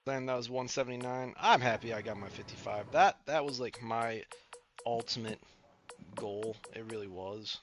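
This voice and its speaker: A man streaming a racing league, chatting casually with teammates, laid-back and quick to laugh and swear. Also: medium pitch, soft background music. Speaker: streamer and race league member. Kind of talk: casual gaming chat.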